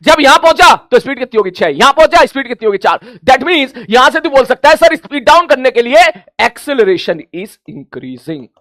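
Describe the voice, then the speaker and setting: A man's voice: very high voice, very animated, pushed and bright, no echo, clean studio sound. A man teaching a physics coaching class, chatty and familiar, voicing his students' questions and answering them himself. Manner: addresses students familiarly as brother and child; counts aloud slowly to explain.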